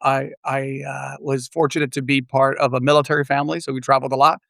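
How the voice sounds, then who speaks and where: Podcast guest: middle-aged man from Puerto Rico, gravelly and flat, measured, dry remote sound. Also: medium pitch, no echo. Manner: measured, frequent "uh" pauses. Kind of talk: casual interview chat. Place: remote, virtual studio.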